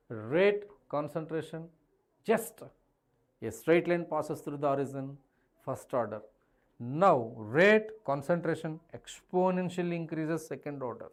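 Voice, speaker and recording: A man with an Indian accent lecturing in a live online class, emphatic and repeating key phrases, mixing English with Hindi. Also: a little high. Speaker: chemistry teacher.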